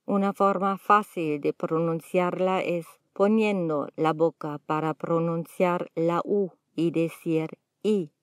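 A woman teaching pronunciation, sounding out single letters and words one by one in a calm, measured lesson. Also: on the low side, no room sound, clean studio sound. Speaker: language teacher. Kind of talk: slow, deliberate pronunciation lesson.

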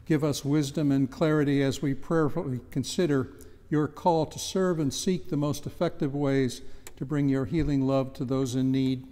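An older man leading the prayers of the people in a measured, reverent reading in a church. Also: medium pitch, steady tone, mellow, big-room sound. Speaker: prayer leader. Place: church chancel, indoors.

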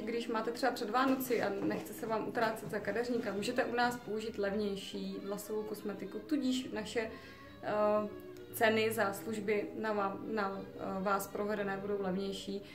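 A woman's voice: medium pitch, flat delivery, music in the background. Chatty hairdresser woman, echoey salon. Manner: chatty, explains at length. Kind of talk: casual talk to camera. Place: small hair salon, indoors. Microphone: host's phone camera.

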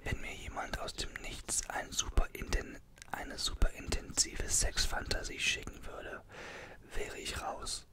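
A man in his twenties whispers in a hushed, breathy voice close to the microphone, reading aloud in ASMR style with informal, conversational asides. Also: a little slow. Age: 20s. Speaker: ASMR creator. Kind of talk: ASMR, reading an article aloud with casual comments. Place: small bedroom. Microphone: desktop condenser microphone, close up.

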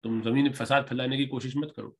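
Man, Arabic teacher, grammar lesson, reads a line slowly then explains each word. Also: medium pitch, fairly even intonation. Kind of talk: grammar lesson, reading and translating Arabic text.

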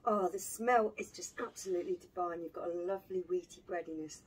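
A woman's voice: on the low side, a little fast, slightly rough, recorded from a distance, poor audio. A middle-aged woman giving gushing tasting notes on a beer during a casual chat at a home bar. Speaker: beer reviewer, co-host.

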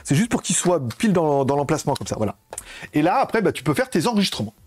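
Fast, lively chatty man. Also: on the high side. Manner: chatty, rambling, corrects himself mid-sentence. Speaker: tech reviewer. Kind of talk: casual product review vlog. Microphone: wireless lapel mic.

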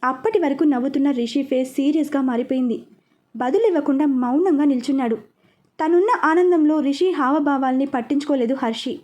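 A woman narrating a serialized romance story with a steady, expressive reading. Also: high voice, dull audio.

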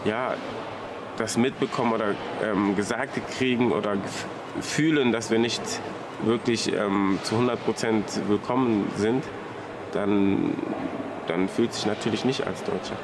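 Low-voiced man, hesitant, outdoor noise. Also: unhurried. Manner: thoughtful, hesitant with fillers. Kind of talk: documentary interview.

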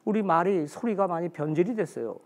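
A man's voice: high voice, expressive, fairly quick, darkish tone. A man giving a special history lecture in a blunt, colloquial way, asking himself questions and answering them.

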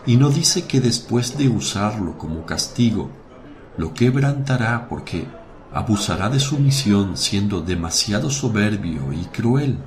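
A man playing Jesus as a gentle, merciful teacher in a devotional radio drama, speaking in a solemn, measured, tender manner. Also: on the low side, lively intonation. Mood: solemn, firm. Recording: roomy echo over music. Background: music.

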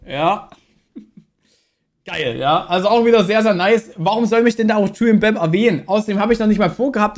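High-voiced young man streaming. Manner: slangy, loose and rambling. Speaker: streamer reacting to a video. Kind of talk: casual reaction commentary. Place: small streaming room with gaming chair. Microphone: boom mic on arm, wearing headphones.

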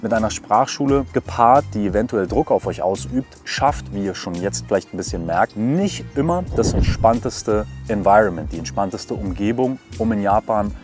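A man talking casually and frankly to his viewers in a vlog, emphatic and lively. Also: on the low side, moderate pace, few pauses, music in the background. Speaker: vlogger.

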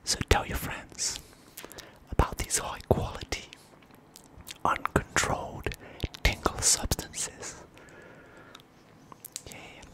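A young adult ASMR performer whispers right at a close studio mic, playing a shady, secretive dealer in a breathy, furtive roleplay. He repeats words again and again, and the recording is rough.

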